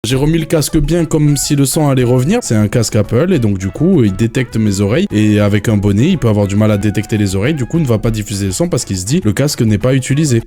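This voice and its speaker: A man's voice: medium pitch, expressive, fast, hardly any pauses, mellow, soft background music. A male streamer in casual chat, slangy and rambling, with many fillers and restarts.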